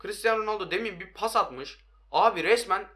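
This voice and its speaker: A young man giving excitable, hoarse-voiced commentary on his own mobile football game, talking to his viewers and shouting at his players. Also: sits high, brisk. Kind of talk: live gameplay commentary.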